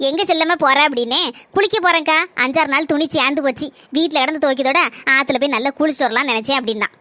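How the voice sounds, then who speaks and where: A woman's voice: high-pitched, rapid-fire, bright, forceful tone, no echo, voice pushed down. A woman with a Kanyakumari Tamil accent voicing a chatty, gossiping village grandmother in a cartoon, in a chattering, scolding manner.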